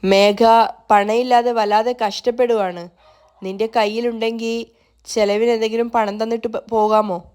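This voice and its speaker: A woman voicing a worried old grandmother who asks softly and pleadingly for money. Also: a little high, level tone, moderate pace, clean tone, close to an everyday voice.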